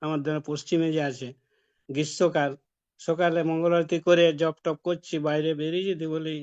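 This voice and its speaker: A man's voice: on the high side, flat delivery, fairly quick, a little mellow, clean tone. A man giving a devotional talk, telling a personal story in a conversational way. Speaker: devotee preacher. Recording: dull lo-fi recording.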